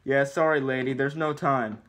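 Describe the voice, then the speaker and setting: A man's voice: medium pitch, steady tone, normal speed, a bit bright, natural voice. A man doing a blunt, grumpy ogre. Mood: dismissive. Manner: blunt, dry, dismissive. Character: gruff grumpy ogre, adult male.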